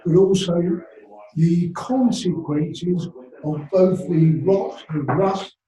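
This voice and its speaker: Slow, mellow man in his eighties. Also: sits high. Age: 80s. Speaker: panelist. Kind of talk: panel discussion. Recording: roomy hall, distant from mic.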